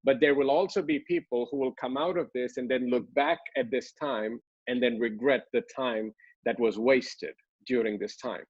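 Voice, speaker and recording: A man, a pastor hosting an interview, asking long questions with halting restarts. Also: mid-range voice, steady tone, breathy edge, no room sound. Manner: halting, many fillers and restarts, frequent "mm" and "amen" as backchannel. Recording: dry dull lo-fi sound.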